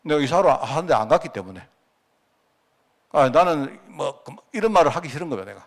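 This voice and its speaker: A man's voice: fairly high pitch, sing-song, a little fast. A middle-aged man, preaching and telling personal stories with asides to the congregation. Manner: anecdotal, conversational, with frequent asides to the congregation. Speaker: pastor. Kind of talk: sermon storytelling.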